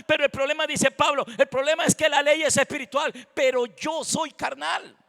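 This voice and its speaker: A man preaching a passionate sermon, rising to loud cries and dropping to quiet murmurs. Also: steady tone, moderate pace, vocal fry. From Costa Rica. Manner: impassioned preaching, swinging between loud cries and low murmurs. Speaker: pastor. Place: church sanctuary. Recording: long reverb of a church hall.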